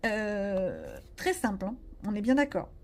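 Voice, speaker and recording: A woman's voice: mid-range voice, huge pitch swings, a little slow, a little mellow. A woman vlogging casually about her coloring pages, rambling and joking at herself with lots of fillers. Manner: chatty, rambling, self-mocking, many fillers. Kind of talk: casual chat.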